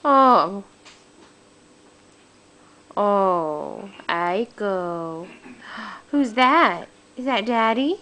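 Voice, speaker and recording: A woman's voice: medium pitch, expressive, drawn-out words, long pauses, sharp tone, a little hiss or hum. A young woman cooing at her pet cat in baby talk on a home video. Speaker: cat owner.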